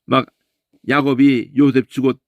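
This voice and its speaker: A man teaching a Bible lesson in an animated way, often tossing in a questioning "eh?" and imitating sounds. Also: mid-range voice, a little slow, no room sound, narrow, tinny audio. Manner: animated, keeps asking "eh?" and mimics voices and sounds.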